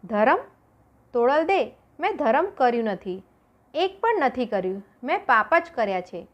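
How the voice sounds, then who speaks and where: Terrified male warrior, wailing, begging, woman doing the voice, lively pitch. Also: measured pace, dull audio. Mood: confessing. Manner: panicked wailing.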